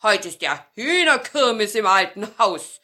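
A woman's voice: medium pitch, sing-song, measured pace, pushed and bright. A woman voicing a sly, wicked male stone marten in a children's fairy tale, with a gloating, growling manner.

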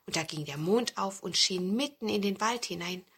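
A woman reading a children's fairy tale aloud in an expressive storytelling manner. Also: medium pitch, normal speed, slightly rough.

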